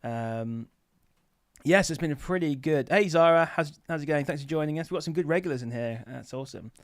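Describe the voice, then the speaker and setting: Speaking fairly quickly in a somewhat high voice, this man is captured with studio-quality sound and no echo. He's a livestream host in an office, chatting loosely and wandering off topic while fielding viewer questions on online selling.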